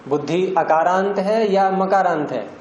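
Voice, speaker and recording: An older man gives a classroom lecture on Indian philosophy and grammar, explaining things step by step at length and quizzing his students. His voice sits high with a darkish tone. The classroom echoes, with faint background noise.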